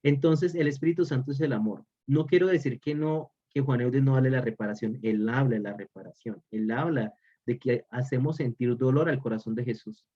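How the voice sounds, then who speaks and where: A man's voice: mid-range voice, a little fast, mellow. A man teaching an online religious formation class, repeating key phrases for emphasis. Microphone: video call. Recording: dull lo-fi call audio.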